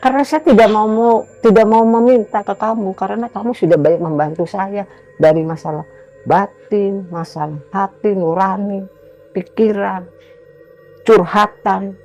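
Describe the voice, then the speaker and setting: A man's voice: high-pitched, normal speed, poor audio. Man telling a story, faint music behind. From Indonesia, Cirebon. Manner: animated storytelling, acting out dialogue. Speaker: interview guest. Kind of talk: personal testimony in a casual interview.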